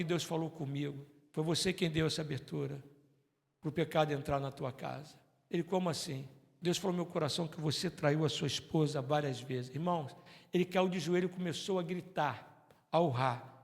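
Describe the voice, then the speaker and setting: A Brazilian man preaching a sermon as pastor, moving between loud exhortation and hushed storytelling. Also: sits high. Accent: Brazilian Portuguese. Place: church hall. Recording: church sermon recording with long hall reverb.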